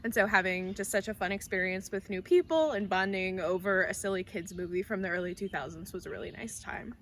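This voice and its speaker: A woman's voice: mid-range voice, fairly quick, a bit bright. Young female volunteer, upbeat and flowing, faint noise behind. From Apex, North Carolina. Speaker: service corps member. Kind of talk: personal reflection to camera.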